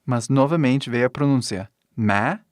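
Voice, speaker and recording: A man's voice: medium pitch, lively intonation, unhurried, a little mellow, no room sound, studio quality. A middle-aged man teaching pronunciation as a language teacher. English is his first language, and his Portuguese carries an English-speaking accent. He speaks patiently, repeating example words, exaggerating the sounds and often checking in with his listeners. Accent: English-speaking learner's Portuguese. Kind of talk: pronunciation lesson.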